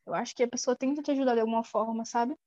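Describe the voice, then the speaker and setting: A woman's voice: a little high, fairly even intonation, racing, warm tone, no echo. A young woman student athlete chatting earnestly and reflectively. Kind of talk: casual chat. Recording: slightly dull sound.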